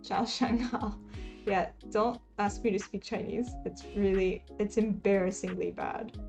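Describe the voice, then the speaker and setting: Slow-talking woman streamer, laid-back chat. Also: medium pitch, steady tone, faint music behind. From Palestinian. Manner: laid-back, chatty, frequent soft laughs, reads chat aloud. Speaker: cross-stitch streamer. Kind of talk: casual live-stream chat. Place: home, lives in Taiwan.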